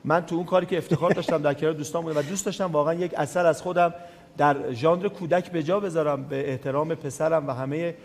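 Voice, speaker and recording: A man's voice: a little high, fairly even intonation, gravelly, a little hiss or hum. A man hosting a talk show, asking probing, playful questions in casual conversation. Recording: roomy hall with faint music.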